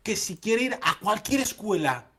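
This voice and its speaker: A man's voice: sits high, big pitch swings, normal speed, sharp tone, slight background noise, pitched above the performer's own voice, full character voice. A man imitating a haughty female university clerk who lectures in a condescending, insistent way. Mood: scolding.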